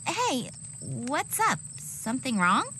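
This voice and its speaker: A woman's voice: high-pitched, huge pitch swings, takes it slowly, sharp tone, slight background noise, exaggerated voice. A woman voicing a cheerful girl who patiently explains science to a friend in an educational cartoon, with music underneath. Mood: upbeat.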